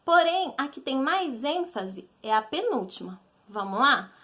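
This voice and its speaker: A woman's voice: sits high, big pitch swings, unhurried, sharp tone. A woman teacher with a Brazilian Portuguese accent, patiently explaining a recorded lesson to children and checking in often.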